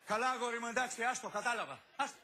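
An actor playing an exasperated, patronizing friend who keeps brushing off a clumsy lover, in an old film comedy. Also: male voice, very high-pitched, sharp tone, slight background noise, exaggerated voice. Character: exasperated, patronizing adult male advisor. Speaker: friend giving advice.

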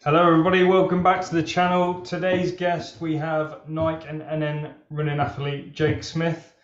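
A man's voice: a little high, completely flat delivery, moderate pace, dull audio, slight background noise. A man in his thirties hosting a running interview show, talking casually with lots of fillers. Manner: chatty, loose, many fillers. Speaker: running podcast host. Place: outdoors on a wet street, then a home room on a video call.

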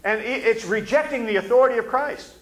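Older man, fervent sermon, high voice, echoey church sanctuary. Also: brisk, fairly bright tone. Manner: fervent preaching, drops to low intense tones, frequent amens. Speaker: pastor. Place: church stage at a pulpit. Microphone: pulpit mic.

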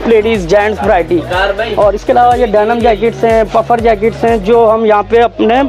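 Male shopkeeper, 30s, high-pitched, eager sales patter, market shop with background music. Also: fairly even intonation, normal speed, low-quality recording. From Pakistan. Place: crowded clothing market shop, indoors.

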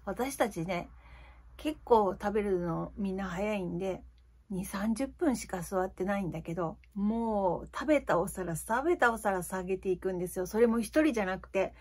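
A woman's voice: medium pitch, animated, normal speed, a little mellow, slightly rough. A woman in her fifties telling a story to her channel, chatty and confiding, with many fillers. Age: 50s. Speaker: vlogger. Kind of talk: casual storytelling monologue.

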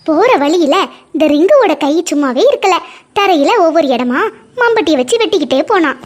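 A woman narrates a cartoon moral story with a Kanyakumari Tamil accent. Her voice is very high and light. She tells it simply, like a storybook. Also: expressive, a little fast, a little mellow.

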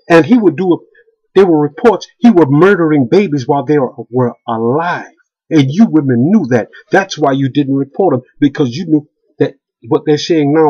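Heated and stammering, this middle-aged man keeps repeating himself as he vlogs from a small room, speaking close to his webcam. His voice sits a little high, warm but slightly rough. The lo-fi webcam sound comes across dull.

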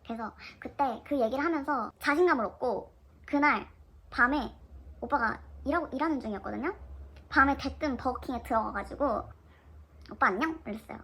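Young woman in her 20s spilling a story, kinda high voice, lively and chatty. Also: a little fast, husky, poor audio. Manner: chatty, animated retelling of her own story. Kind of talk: casual storytime narration.

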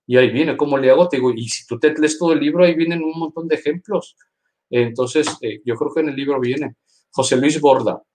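Man, veterinarian, live-stream Q&A, casual, direct, repeats himself, average pitch. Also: a little mellow. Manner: casual and direct, repeats words, frequent "eh" and "te digo". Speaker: veterinarian answering viewer questions. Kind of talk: live-stream Q&A, reading and answering comments.

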